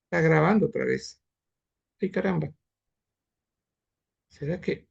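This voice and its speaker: Gravelly, husky male medical lecturer. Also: a little high, a little slow, lo-fi sound. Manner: explains step by step, asks students if they follow. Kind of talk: online class lecture.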